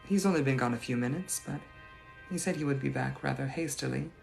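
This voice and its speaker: This man talks briskly with vocal fry at a medium pitch, faint music in the background, while portraying the ghost of a young 1880s lady. He answers viewers in improvised live roleplay, sounding formal, old-fashioned and gracious.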